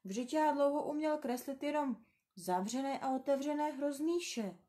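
A woman voicing a grown man, a kind and worried pilot, speaking low and hesitantly in a storybook reading. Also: animated, mellow. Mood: uneasy.

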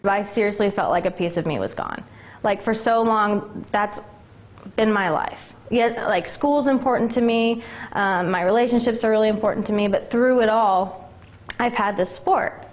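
A woman's voice: medium pitch, normal speed. Candid young woman in an interview. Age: 20s. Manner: candid, emotional, with fillers like "like" and "um". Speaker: former college basketball player. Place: indoor gym locker room.

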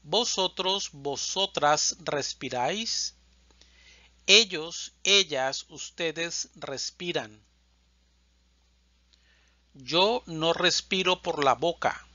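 A man teaching Spanish, reciting verb conjugations in a slow, deliberate drill and stressing each verb form. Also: on the high side, bright, forceful tone, dry recording, highs cut off.

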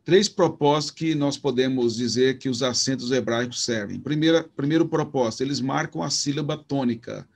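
A man with a Brazilian Portuguese accent teaching a recorded Hebrew lesson, talking haltingly with many restarts while he points things out on slides. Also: medium pitch, creaky, breathy edge. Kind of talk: recorded online lecture.

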